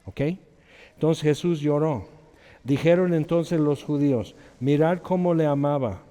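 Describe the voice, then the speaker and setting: A man's voice: fairly high pitch, measured pace, mellow. A man preaching a sermon as pastor, talking conversationally, reading scripture aloud and acting out quotes. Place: church hall. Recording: long echoing reverb of a hall.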